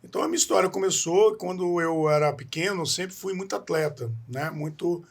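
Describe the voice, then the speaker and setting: On a podcast, a guest from Espírito Santo, Brazil, walks through his own life story, talking a little fast in a husky, higher-register male voice. His manner is sincere and wandering, with lots of restarts and phrases capped by a questioning tag.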